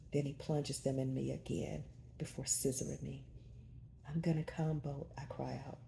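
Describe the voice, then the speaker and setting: Female narrator, low and dark-toned, intimate first-person romance reading; roomy echo. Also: vocal fry, a little hiss or hum. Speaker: audiobook narrator.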